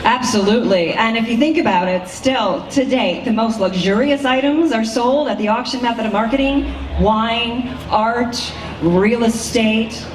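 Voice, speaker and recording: A woman co-hosting a public event, speaking in an emphatic, deliberate announcing style. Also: fairly high pitch. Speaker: event co-host. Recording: roomy PA sound, distant, faint noise.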